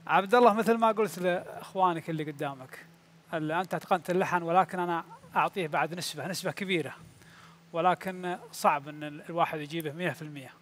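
A man's voice: fairly high pitch, fast, a bit bright. A man, a judge on a televised singing competition, giving courteous, praising feedback. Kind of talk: on-air critique.

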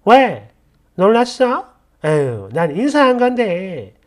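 A woman's voice: sing-song, slow pace. A woman voicing a mocking middle-aged female office supervisor who bullies a new employee. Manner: taunting, shrill when angry.

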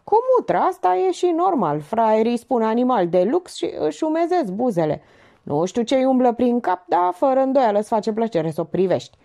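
Ironic confident older sleuth lady, voiced by a woman, lively, mellow tone. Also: a little high, creaky, pitched above the performer's own voice.

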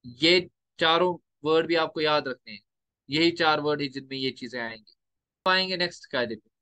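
This man's voice sits on the high side, sharp yet clear and resonant, captured in a dry recording. He's lecturing on Quran recitation rules, going through them step by step and slowing to recite sample verses.

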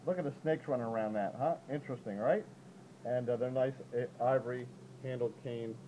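A middle-aged auctioneer man with a warm, mellow voice gives an upbeat, chatty preview of antique items. He is heard through a handheld camera mic as he walks an indoor gallery. Faint room noise sits under his talk. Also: fairly quick, dull audio. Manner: chatty, upbeat pitch with frequent "ladies and gentlemen". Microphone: handheld camera mic, speaker behind the camera.

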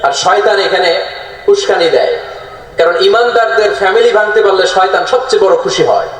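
High-voiced preacher booming through echoing loudspeakers. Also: male voice, lively intonation, brisk. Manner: colloquial, questions the crowd directly. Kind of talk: sermon storytelling. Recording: heavy echo from loudspeakers.

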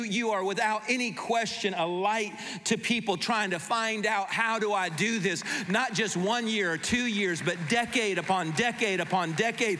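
A man in his fifties preaches with fervent emphasis, hammering repeated phrases. His voice sits high for a man. It rings out through a handheld microphone with the long reverb of a large church auditorium. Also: bright, forceful tone. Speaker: pastor. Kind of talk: sermon.

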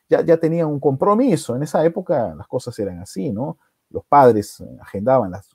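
A man's voice: a little high, warm tone, no room sound, clean studio sound. A man hosting a live stream, retelling a past-life story dramatically, with many rhetorical tags and restarts, greeting viewers.

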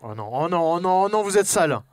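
Un homme à l'français qui commente en direct un jeu d'horreur, entre chuchotements tendus, cris et blagues. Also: male voice, high voice, big pitch swings, fast talker, no echo. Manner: jokey, jumpy, swings from whispers to yelps. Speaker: let's play host. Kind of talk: horror game let's play commentary.

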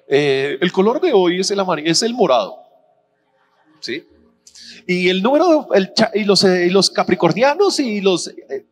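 A man preaching a sermon as pastor, telling personal stories animatedly and acting out the dialogue with shifting pitch. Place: church auditorium. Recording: reverberant church hall with faint hum.

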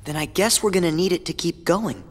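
A man's voice: on the high side, a little fast, close to an everyday voice. A man voicing Sora, an earnest, determined teenage boy hero. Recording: long hall reverb with music.

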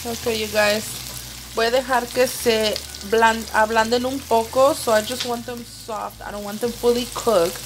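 A woman's voice: on the high side, fairly even intonation, normal speed, noisy background. A young woman vlogging from her home kitchen, chatting casually and switching between English and Spanish as she cooks. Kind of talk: casual cooking vlog chat. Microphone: handheld phone camera.

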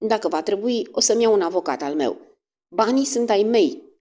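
A woman voicing a sullen, suspicious young foreign woman who talks quickly and defiantly. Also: mid-range voice, animated, mellow, pitched above the performer's own voice, natural voice. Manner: fast, defiant speech.

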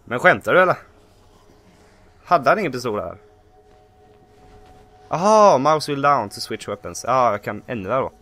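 A man giving casual, excitable gameplay commentary who yelps and shouts when he panics. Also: mid-range voice, long pauses. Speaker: let's play host.

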